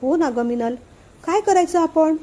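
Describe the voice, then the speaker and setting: Woman doing stern old father, quick to anger. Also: extremely high pitch, lively intonation, dark tone, pitched above the performer's own voice. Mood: worried. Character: stern elderly father, short-tempered head of family.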